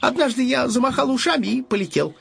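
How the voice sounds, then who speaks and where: A man voicing a brave, cheeky little piglet from a storybook, in a high, chirpy voice. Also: sing-song, fast, creaky, fairly bright tone, slight background noise, heavily acted. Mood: cheerful.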